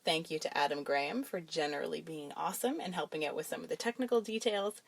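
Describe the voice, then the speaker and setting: Husky-voiced upbeat woman host. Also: low-pitched, quick pace. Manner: upbeat, encouraging interviewer. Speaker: podcast host. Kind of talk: casual chat and outro. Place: home kitchen.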